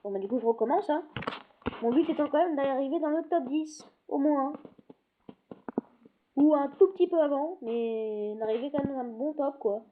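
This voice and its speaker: A woman's voice: sits high, normal speed, a little hiss or hum. A woman giving casual gameplay commentary, rambling and often cutting herself off mid-sentence. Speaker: gaming video host. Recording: tinny phone-like lo-fi recording.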